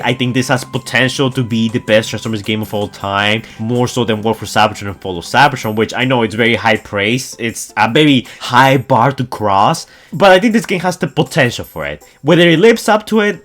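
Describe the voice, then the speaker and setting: A man of medium pitch hosts a gaming news YouTube channel, chatting excitedly and informally with viewers. The style is casual, enthusiastic commentary.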